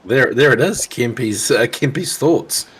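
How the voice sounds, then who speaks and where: A man's voice: medium pitch, expressive, a little slow, a bit bright. A man giving casual, chatty, somewhat hesitant co-commentary on a race. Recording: clear engine noise behind. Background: vehicle engines.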